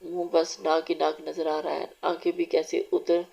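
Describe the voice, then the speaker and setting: Audiobook: bossy teasing young husband read by a woman, low and flat, mellow, lo-fi. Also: gravelly, exaggerated voice. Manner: domineering, mocking. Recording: dull lo-fi recording.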